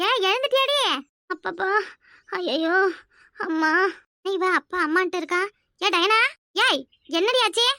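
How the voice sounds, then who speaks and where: A woman voicing a fretful, loud old mother-in-law in a village cartoon, who talks in panicky, scolding bursts. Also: very high-pitched, lively intonation, measured pace, pauses often, dry recording, studio quality, heavily acted. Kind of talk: Tamil village cartoon voice acting.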